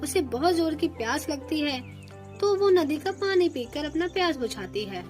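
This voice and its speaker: High-voiced woman storyteller, steady cartoon narration, soft music behind. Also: normal speed.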